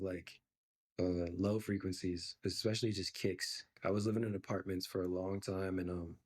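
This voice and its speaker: This young musician appears as a podcast guest, responding to interview questions with an easygoing, reflective manner and many fillers. His voice is on the low side with a darkish tone.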